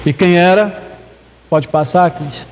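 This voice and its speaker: Guy with a really high voice preaching, reads the bible out loud, long hall echo. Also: takes it slowly, slight background noise. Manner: reads scripture aloud, then explains it to the congregation. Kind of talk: sermon.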